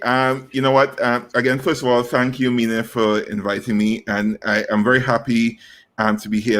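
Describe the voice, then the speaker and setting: Speaking in a lowish, slightly bright voice, a man in his thirties from Trinidad and Tobago answers interview questions as a guest. An inclusive recruitment specialist, he is earnest, though his answers are full of fillers and restarts.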